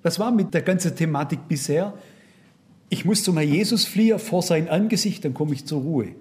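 High-voiced male preacher. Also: normal speed, a little mellow. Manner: asks the listeners many rhetorical questions; quotes and reads Bible verses aloud. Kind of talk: sermon to a congregation.

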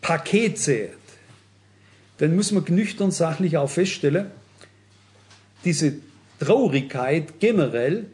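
Earnest preacher, higher voice. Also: male voice, animated, takes it slowly, long pauses, darkish tone. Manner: earnest, addresses listeners directly, frequent "wisst ihr". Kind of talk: sermon.

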